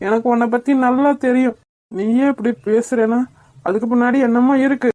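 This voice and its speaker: A woman's voice: fairly high pitch, fairly even intonation, a little fast, a little mellow, lightly acted. A woman voicing a persistent young man in a cartoon, teasing and puzzled by his beloved. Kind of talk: cartoon voice acting.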